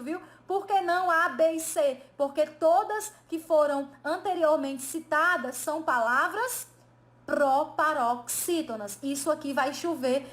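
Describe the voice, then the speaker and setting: A Brazilian woman with a high voice teaches an exam review class. She explains patiently, often asking a question aloud and answering it herself, the way a teacher walks students through answers. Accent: Brazilian Portuguese. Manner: didactic, asks and answers her own questions. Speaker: Portuguese teacher.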